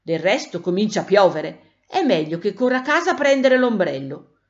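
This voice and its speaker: A woman's voice: mid-range voice, sing-song, moderate pace, natural voice. Woman doing an angry cat who thinks he's a dog. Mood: scornful. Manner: angry, scolding, grumbling. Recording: dull lo-fi recording.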